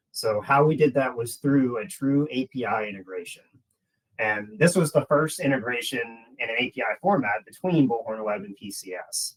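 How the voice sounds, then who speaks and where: A medium-pitched man presents a product in a webinar, explaining things conversationally and speaking straight to the audience. The recording is rough.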